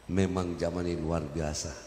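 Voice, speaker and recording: A man's voice: low voice, flat delivery, normal speed, a little hiss or hum. A man preaching to a congregation, emotional and impassioned, recorded in a large hall. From Madurese family. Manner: emotional, rising to loud impassioned pleading. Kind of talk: sermon. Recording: echoey hall with long reverb.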